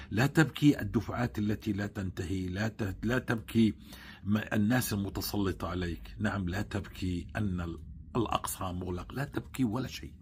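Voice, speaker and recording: A man preaching in an earnest, pleading way, sometimes rising to forceful emphasis. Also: deep voice, a little hiss or hum. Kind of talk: religious exhortation.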